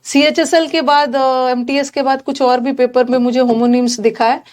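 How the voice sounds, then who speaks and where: A woman's voice: high voice, fairly even intonation, moderate pace, a little mellow. A woman giving an exam-prep grammar lecture, explaining in a mix of Hindi and English and putting questions straight to her students.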